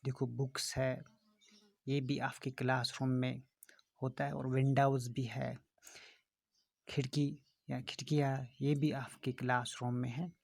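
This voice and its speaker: A middle-aged male schoolteacher giving a recorded lesson to children, explaining slowly and patiently with frequent fillers. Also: medium pitch, flat delivery, vocal fry, no echo, clean studio sound. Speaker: school English teacher. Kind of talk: recorded classroom lesson in Hindi and English.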